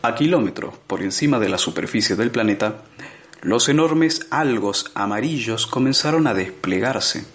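A male audiobook narrator with a fairly low voice, reading scripted narration in a measured, expressive manner. He paces the story evenly and lets dramatic moments land.

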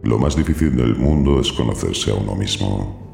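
A man reading quotations aloud in a solemn, gravelly voice. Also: extremely low pitch, normal speed, darkish tone, faint music behind, voice pushed down, exaggerated voice. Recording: roomy echo.

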